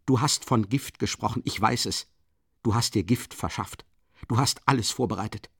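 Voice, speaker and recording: A man voicing a furious young woman who holds a gun, shouting fierce accusations in an audiobook reading. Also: medium pitch, moderate pace, no echo, clean studio sound, pitched above the performer's own voice, close to an everyday voice.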